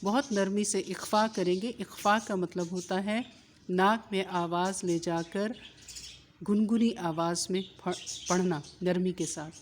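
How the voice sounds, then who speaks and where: A woman teaching a Quran reading lesson, spelling words out syllable by syllable and drawing them out slowly, then explaining quickly. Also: fairly low pitch, steady tone, a little hiss or hum. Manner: slow drawn-out syllables when modeling words, quicker when explaining.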